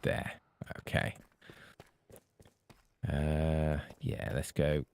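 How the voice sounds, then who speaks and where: A man casually talking to himself while playing a video game, relaxed and unhurried. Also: a bass voice, vocal fry, noisy background. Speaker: gameplay video host. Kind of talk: casual gameplay commentary.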